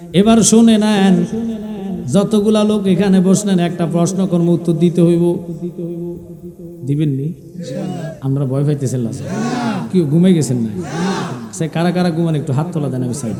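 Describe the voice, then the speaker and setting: A man's voice: high-pitched, dark tone. A male preacher gives a sermon to a large gathering. He teases and challenges the crowd with questions and sometimes chants religious phrases. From Bangladesh. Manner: provocative, teasing the crowd with questions. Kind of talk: Islamic sermon to an outdoor gathering. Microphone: loudspeaker microphone. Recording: echoey PA sound at a crowded gathering.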